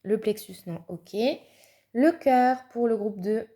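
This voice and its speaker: A woman's voice: fairly high pitch, slow, mellow. A woman giving a casual, chatty tarot card reading, thinking aloud with fillers and little laughs. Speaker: tarot reader.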